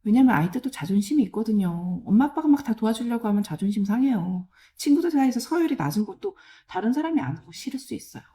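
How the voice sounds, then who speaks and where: A woman's voice: on the high side, lively intonation, fast talker, hardly any pauses, warm tone. A woman giving direct advice to children and parents, firm and caring, speaking in short plain commands.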